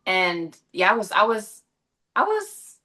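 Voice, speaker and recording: Sing-song and taking her time, this young actress from Los Angeles has a mid-range voice with a sharp tone. As a guest she answers interview questions chattily, with lots of fillers and self-corrections.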